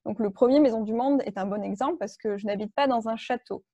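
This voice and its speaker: A woman's voice: fairly high pitch, quick pace, dark tone, no room sound. A woman leading an online workshop, explaining step by step with frequent fillers and restarts. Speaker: workshop trainer.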